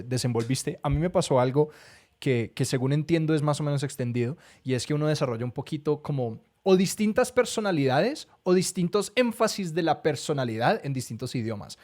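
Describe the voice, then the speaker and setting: A man's voice: a little high, expressive, brisk, darkish tone. A man hosting a podcast in a casual conversation, reflective and a little hesitant, with dry humor. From Colombia. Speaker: podcast host.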